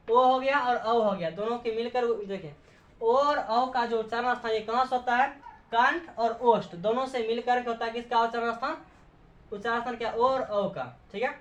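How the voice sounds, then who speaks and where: A woman with a fairly high voice lectures like a teacher, posing questions and answering them herself while going back over each point. Her voice rings around an echoey room. The recording sounds dull and lo-fi. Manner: frequent "okay" checks with students. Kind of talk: classroom lecture.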